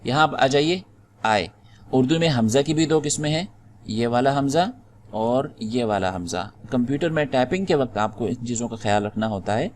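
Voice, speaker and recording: A man's voice: medium pitch, animated, darkish tone. A man teaching typing in a screen-recorded tutorial, patiently explaining step by step and spelling out the keys one at a time. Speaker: typing instructor.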